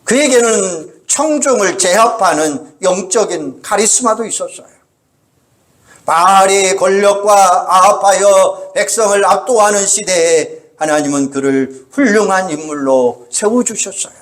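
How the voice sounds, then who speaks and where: A male pastor delivering a sermon in an earnest, measured way, often quoting scripture. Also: sits high, fairly bright tone. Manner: earnest, measured preaching with frequent scripture quotes.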